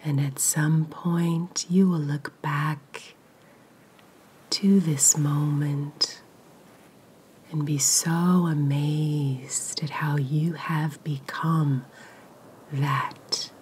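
Woman meditation guide, whispered throughout, low and mellow, very slow delivery. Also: steady tone. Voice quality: whispering, breathy. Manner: soft, slow, soothing pauses.

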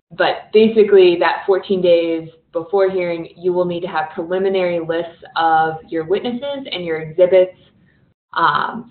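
A woman presenting a legal training session as an attorney, explaining steps with frequent fillers and hurrying near the end. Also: lowish voice. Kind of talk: recorded training webinar presentation. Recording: phone-line audio, echoey room.

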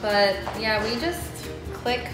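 A woman in her thirties answering fan questions in a hesitant, soft-spoken way, often pausing on um. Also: fairly high pitch, lively intonation. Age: 30s. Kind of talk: casual Q&A chat. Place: small indoor room at a table. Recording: echoey room with music behind.

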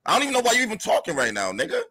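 A man in a heated online argument, taunting and cursing his rival with loud outbursts. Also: high-pitched, huge pitch swings, racing, dry recording. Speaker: battle rap personality arguing online. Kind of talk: heated live-stream argument.

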